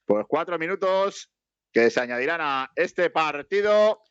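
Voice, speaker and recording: A man from Spain with a Spanish accent gives casual live football commentary in a fairly high, clear, resonant voice at a slightly slow pace. He rambles along, lifting into excited calls whenever there's an attack. The recording is dry and the audio dull.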